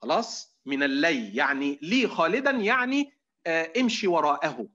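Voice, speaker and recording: A man's voice: on the high side, big pitch swings, moderate pace, sharp tone, muffled recording. A middle-aged man with an Egyptian Arabic accent giving an online lecture to students. He quizzes them, asking fill-in questions and then answering them himself.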